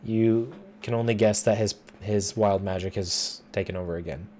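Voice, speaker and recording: A man narrating a tabletop game as game master, unhurried and loose, often pausing with ums and uhs. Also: fairly low pitch, fairly even intonation, darkish tone.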